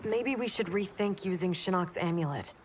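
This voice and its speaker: A woman's voice: medium pitch, moderate pace, slight background noise, lightly acted. An actress playing a young female soldier in a video game, candid and insistent, with an informal delivery. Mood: troubled, urging. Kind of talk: dramatic video game acting.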